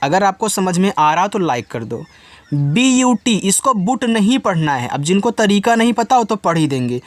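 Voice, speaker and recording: A man's voice: high-pitched, no room sound. A man teaching English spelling and reading, patiently repeating each point and asking his students questions.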